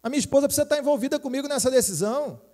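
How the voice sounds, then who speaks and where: A Brazilian man in his forties, a pastor preaching a lively, joking sermon and speaking straight to his congregation. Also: extremely high pitch, very fast, big-room sound. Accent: Brazilian Portuguese. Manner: lively, jokey preaching with direct appeals to the congregation. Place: church hall.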